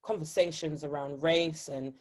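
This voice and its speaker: A woman hosts a podcast with an upbeat, polished radio-presenter delivery. Her voice sits fairly low for a woman, and she keeps the conversation moving warmly between guests. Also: fairly even intonation, normal speed. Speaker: podcast host.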